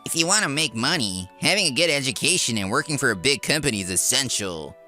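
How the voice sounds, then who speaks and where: A man's voice: mid-range voice, very animated, fast, bright, forceful tone, faint music behind. A man voicing a smug, spiteful younger brother in a comic dub. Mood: smug, mocking. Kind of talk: comic dub character acting.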